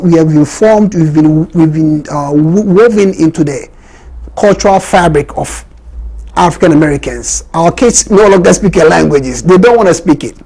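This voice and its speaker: Ghana-born man hosting, warm mellow voice. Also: fairly high pitch, poor audio. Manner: repeats words and stammers on restarts. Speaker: host. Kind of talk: interview.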